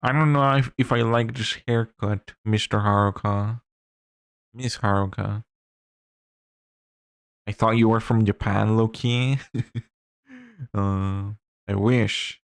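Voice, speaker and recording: A Chilean man, a native Spanish speaker with a Chilean accent, chats casually on a livestream, musing aloud as he works and answers chat. His lowish, gravelly voice is steady, clear and resonant, slow with frequent pauses, and there's no room sound.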